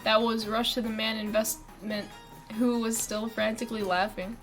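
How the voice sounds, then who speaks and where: A woman's voice: on the high side, flat delivery, normal speed, music in the background. A woman streamer reading a visual novel aloud, laughing and swearing between lines.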